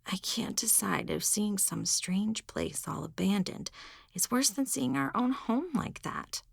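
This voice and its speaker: A woman's voice: fairly high pitch, expressive, a little slow, gravelly, a bit bright, no echo, clean studio sound, voice pushed up, exaggerated voice. A woman voicing a sarcastic, teasing dead teenage girl in an audiobook. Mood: hushed.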